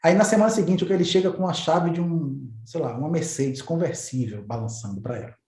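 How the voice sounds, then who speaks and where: A man's voice: fairly high pitch, a little fast, a little mellow. Echoey man explaining in a conversational way. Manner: conversational, repeats words while searching. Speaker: host explaining neuro-linguistic programming. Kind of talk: casual explanatory talk with examples. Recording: roomy echoey recording.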